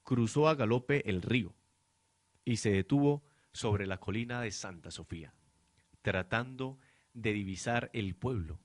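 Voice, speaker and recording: In a noisy amateur student production, a young man reads scripted radio-drama narration with dramatic weight. His voice sits lowish, his delivery is unhurried, and the recording is dry.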